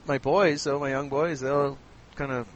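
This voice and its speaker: A man's voice: medium pitch, steady tone, moderate pace, lo-fi sound, slight background noise. A man in casual conversation, talkative, often laughing and acting out quotes. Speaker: conversation guest. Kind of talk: casual chat.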